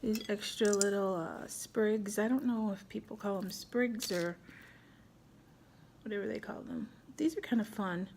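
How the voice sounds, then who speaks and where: A woman's voice: mid-range voice, fairly even intonation, a little slow, creaky, a little mellow, a little hiss or hum. A middle-aged woman hosting a casual crafting tutorial at home, chatting and thinking aloud as she works. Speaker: craft video host.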